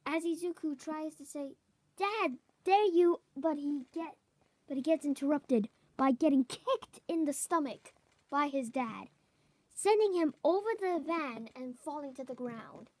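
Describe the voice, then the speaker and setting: A woman improvising a fan story out loud, halting and correcting herself as she goes. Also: high voice, expressive, no room sound. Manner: halting, self-correcting, clears throat.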